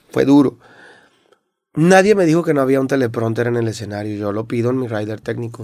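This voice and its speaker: A man's voice: medium pitch, vocal fry, no echo, studio quality. A young Mexican man, a rapper guest, animatedly retelling a bad night and acting out what people said. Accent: Mexican Spanish. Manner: animated retelling with acted-out quotes. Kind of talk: casual storytelling interview.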